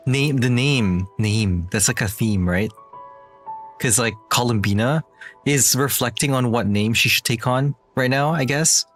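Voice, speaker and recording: Male game streamer, mid-pitched, casual and reactive, halting delivery, faint game music behind. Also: a bit bright. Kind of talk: casual playthrough commentary.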